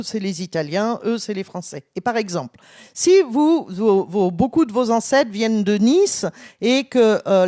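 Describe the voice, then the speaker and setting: A woman's voice: medium pitch, a little mellow, dry recording, clean studio sound. A woman from France, a genetics professor, explaining with enthusiasm and many fillers and restarts. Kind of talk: explanatory conference conversation. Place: conference stage.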